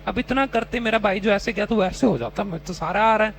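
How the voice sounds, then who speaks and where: High gravelly guy coaching a test-prep class, teasing and scolding students, faint hum behind. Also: fast, fairly bright tone, rough recording.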